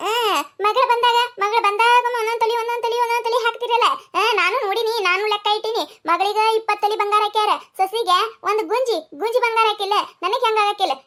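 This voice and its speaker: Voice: very high voice, fairly even intonation, quick pace, bright, forceful tone. A performer voicing a sulky, defiant young village daughter-in-law in a cartoon, with a North Karnataka Kannada accent. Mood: whiny. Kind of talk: cartoon comedy voice acting.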